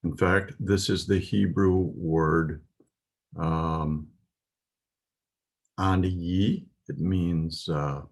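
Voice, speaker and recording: A man's voice: low voice, steady tone, very slow, pauses often. A man giving a patient, methodical alphabet lesson, working through a text letter by letter. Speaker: Hebrew teacher. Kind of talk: slow spoken alphabet lesson.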